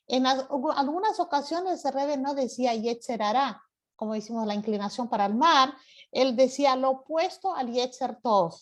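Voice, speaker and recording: A woman's voice: sits high, normal speed. A woman teaching an online class over a video call, explaining patiently and often asking rhetorical questions.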